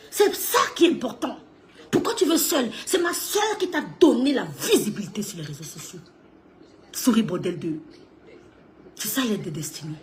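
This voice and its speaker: A woman ranting on a live stream, scolding someone, repeating herself and laughing mid-sentence. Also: on the high side. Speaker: social media live streamer. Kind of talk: heated live-stream rant.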